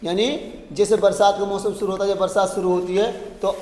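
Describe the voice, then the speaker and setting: A man teaching a story chapter. He reads English lines slowly and then explains them in Hindi. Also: sits high, flat delivery, darkish tone. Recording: echoey room with long reverb.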